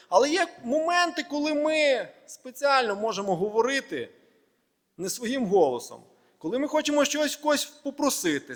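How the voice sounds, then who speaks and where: A man pastor giving a sermon, preaching in measured short phrases and building emphatic lists. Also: extremely high pitch, a bit bright. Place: church hall. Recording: long reverb of a large hall.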